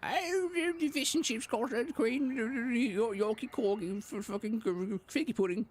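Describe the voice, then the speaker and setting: A man's voice: extremely high pitch, a little slow, a little hiss or hum, pitched above the performer's own voice. A man voicing a mock posh British woman leader in an exaggerated parody accent, babbling nonsense phrases.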